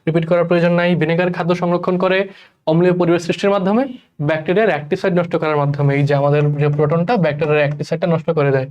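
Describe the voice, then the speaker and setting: Fast-talking young male chemistry tutor. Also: on the high side, flat delivery, a little mellow, dull audio. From Bangladesh. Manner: rushed, repeats key terms, addresses students as brother. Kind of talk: rapid exam-prep lecture. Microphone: recorded voice-over for class slides.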